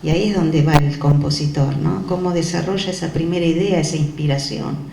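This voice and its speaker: A woman music teacher, lecturing a class and explaining ideas while checking in with her students through quick questions. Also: sits low, fairly even intonation, gravelly, dark tone. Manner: explanatory, frequent questioning tags. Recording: echoey room with background noise.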